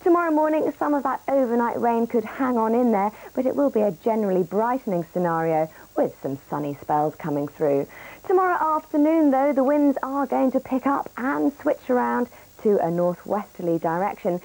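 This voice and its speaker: A female weather presenter with a fairly high voice. She delivers the forecast informally, starting phrases high and letting them fall away in a sing-song pattern. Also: a little mellow, poor audio.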